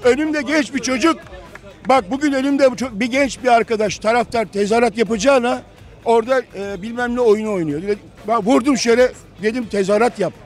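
A hoarse man in his fifties, a football fan insistently lecturing other fans in a heated street interview outdoors. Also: extremely high pitch, fairly quick. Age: 50s. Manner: lecturing, insistent, repeats himself.

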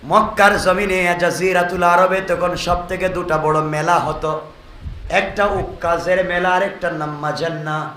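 A man preaching a sermon to a gathering, swinging between shouted climaxes and quiet asides to the crowd. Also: high-pitched, steady tone, unhurried, reverberant.

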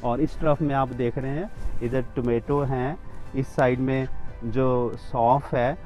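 Touring a rooftop vegetable garden outdoors, a man in his fifties points out plant after plant to the camera in a plain, steady way, restarting himself now and then. He speaks unhurriedly in a steady, medium-pitched, darkish voice, with faint music behind him.

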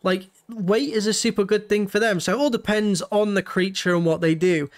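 A man's voice: high voice, steady tone, a little fast. A young man hosting a gaming video, giving casual gameplay commentary and thinking aloud with many restarts.

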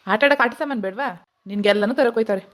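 A performer voicing a gentle, doting grandfather who soothes a crying baby in an animated family drama. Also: mid-range voice, rapid-fire, lightly acted. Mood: soothing.

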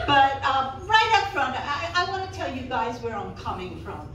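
Performing live stand-up in a small cat cafe room before an audience, an older woman delivers bawdy, self-deprecating material punchily, with drawn-out pauses, in a high, sing-song voice. A camera in the crowd recorded her handheld mic from afar, giving lo-fi, roomy, echoey sound with crowd and room noise.

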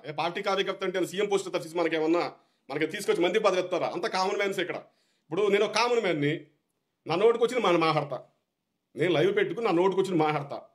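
Man, Telugu accent, high voice, rapid heated political rant, repeats himself. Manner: heated, repetitive, scolding. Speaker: political party supporter.

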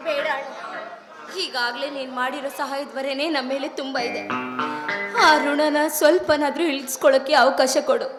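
A woman's voice: high voice, level tone, normal speed, natural voice. A woman playing a caring young sister in a village stage drama, pleading with her brother. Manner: pleading, repeated calls. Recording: roomy stage, music and crowd.

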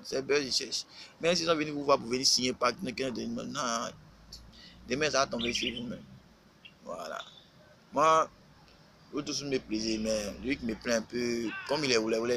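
A man's voice: mid-range voice, creaky, background noise. A man, a rapper talking casually on a live stream, lecturing and scolding with lots of repetition.

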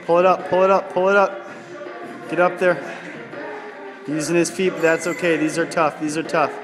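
A personal trainer with a fairly high, fairly monotone voice counts reps aloud at a moderate pace and encourages his client, coaching and commenting as he goes. He's indoors in a gym studio, captured on camera audio in a large, echoing space with music playing.

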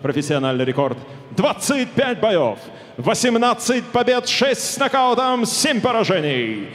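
A man's voice: sing-song, a bit bright. Casting note: male boxing ring announcer, big swooping showman delivery, long arena reverb. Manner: booming, drawn-out showman delivery. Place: large indoor fight arena. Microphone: handheld microphone.

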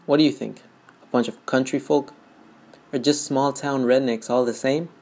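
A man narrating a school news report in a measured, formal, scripted way. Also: medium pitch, fairly even intonation. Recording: voice-over under loud music.

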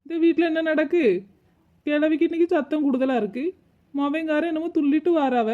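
A woman's voice: high voice, fairly even intonation, fairly quick, narrow, tinny audio, close to an everyday voice. A woman voicing a cheeky, lazy young wife, always hungry and talking back. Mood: grumbling. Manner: cheeky, talks to herself, sweetly impudent. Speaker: lead character. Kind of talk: cartoon comedy voice acting.

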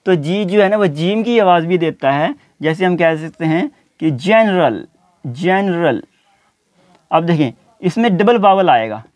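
A man teaching an English lesson, repeating each word slowly and deliberately. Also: sits high, animated, no echo. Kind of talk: spoken language lesson.

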